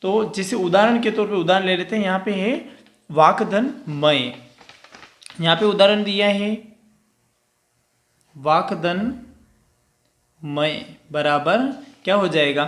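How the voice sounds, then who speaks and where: A man's voice: high voice, takes it slowly, long pauses, fairly bright tone, reverberant. A male teacher giving a grammar lesson, explaining step by step and answering his own questions.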